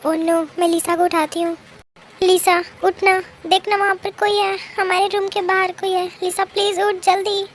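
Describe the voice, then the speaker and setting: A woman's voice: extremely high pitch, flat delivery, moderate pace, a little hiss or hum. A woman voicing a timid, easily frightened young woman who pleads and mutters to herself in a fan-made drama dub. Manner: anxious, pleading, talking to herself.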